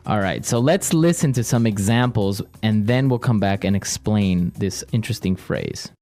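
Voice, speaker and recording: A man's voice: lowish voice, normal speed, mellow, faint music behind. A man teaching vocabulary conversationally, repeating key words and checking with short questions. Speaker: host and English teacher.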